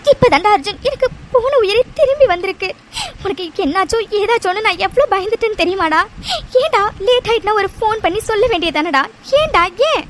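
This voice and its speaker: Woman playing a crying cartoon mother, tearful and pleading, very high voice, faint noise. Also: expressive, a little fast. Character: anxious mother, tearful and fretting.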